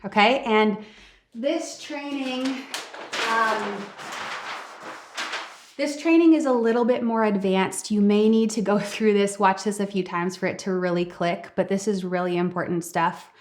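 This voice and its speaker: A woman's voice: medium pitch, fairly even intonation, measured pace, slight background noise. A woman vocal coach giving an upbeat, encouraging singing lesson, talking straight to her students and singing short demonstration lines.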